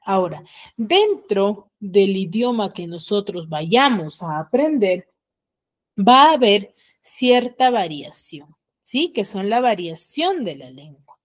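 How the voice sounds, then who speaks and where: Woman, Peruvian Spanish accent, online class teacher, explanatory, frequent tag questions, mid-pitched voice. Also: big pitch swings, slow. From Peru. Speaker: school teacher.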